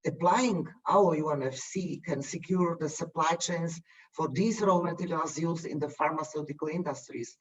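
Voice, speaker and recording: A man giving formal panel remarks as a UN official, measured and listing his points one by one. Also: fairly high pitch. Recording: distant, muffled video call audio.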